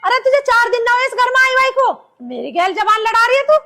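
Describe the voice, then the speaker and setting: An actress playing a sharp-tongued, bossy village mother-in-law who scolds in rural speech. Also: extremely high pitch, sing-song, brisk, exaggerated voice. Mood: scolding. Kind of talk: rural comedy drama acting.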